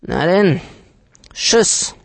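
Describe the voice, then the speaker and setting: A man voicing a shrewd, stingy middle-aged junk-dealer uncle with a pitched-up, drawn-out way of haggling. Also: animated, gravelly, no echo, full character voice.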